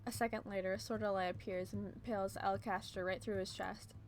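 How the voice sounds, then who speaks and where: A woman's voice: medium pitch, fairly even intonation, a little fast. A woman reading a visual novel as its narrator, mixing dramatic storytelling with casual commentary.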